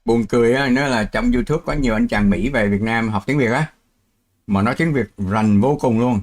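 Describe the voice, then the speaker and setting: A man's voice: medium pitch, moderate pace. A middle-aged man from Vietnam, hosting a live stream in casual chat, explaining with worked examples and laughing easily.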